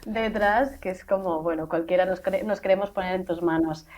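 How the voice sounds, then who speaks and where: A woman's voice: lowish voice, moderate pace, slight background noise. A woman hosting a podcast, interviewing a guest with enthusiastic questions and short affirmations. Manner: warm, encouraging, many short backchannels. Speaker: podcast host.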